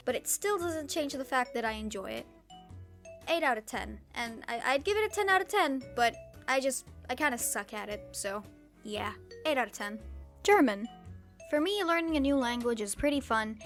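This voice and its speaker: A teenage Turkish girl who makes YouTube videos reads a scripted vlog monologue in a high, somewhat bright voice. Her humor is wry and sarcastic, punctuated by abrupt comic outbursts.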